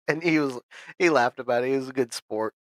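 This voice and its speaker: A young man co-hosting a casual podcast, talking in a relaxed way with many fillers and laughs. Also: medium pitch, dry recording. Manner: easygoing, filler-heavy, laughs often. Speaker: podcast co-host. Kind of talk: casual chat.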